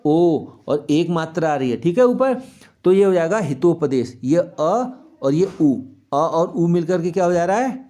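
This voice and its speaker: Male teacher for a kids' grammar lesson, a touch high-voiced, quizzing the class and answering himself, slow and repetitive. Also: animated, warm tone. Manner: patient, asks the class questions and answers them; repeats examples slowly, stretching key sounds. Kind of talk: Hindi grammar lesson for children.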